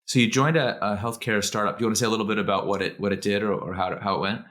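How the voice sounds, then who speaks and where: A man's voice: on the low side, steady tone, racing, a bit bright. A man hosting a podcast, asking short, curious interview questions. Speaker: podcast host.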